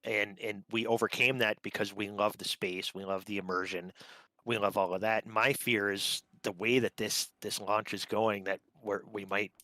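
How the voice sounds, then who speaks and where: Male panelist, frank and earnest, bright forceful tone, dry sound. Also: on the low side, level tone, moderate pace, no echo, rough recording. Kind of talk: live casual panel chat.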